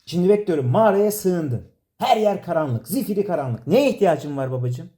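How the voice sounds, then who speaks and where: Exasperated man directing, lively pitch. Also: moderate pace. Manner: teasing, exasperated, laughs often. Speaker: director of a comedy sketch. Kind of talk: playful directing banter.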